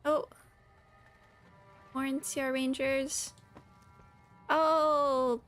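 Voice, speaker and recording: Let's play host: female, high-pitched, casual, thinking out loud in fragments, light music underneath. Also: little pitch movement, drawn-out words. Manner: musing aloud in short fragments. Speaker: gamer commenting on her own playthrough.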